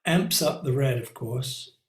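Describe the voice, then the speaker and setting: A man's voice: mid-range voice, slow, roomy sound, rough recording. A male art teacher leading a live online painting class, talking in a reflective, conversational way with many ums and little asides. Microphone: computer mic on a video call.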